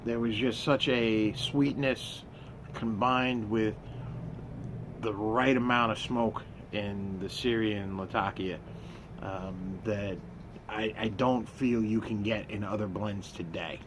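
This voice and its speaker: A man in his fifties chatting casually and unhurriedly, with pauses, as he smokes a pipe that is often in his mouth. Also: on the low side, steady tone. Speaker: pipe tobacco reviewer. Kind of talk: casual vlog chat. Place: outdoors by a house with trees. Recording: clear outdoor ambient noise.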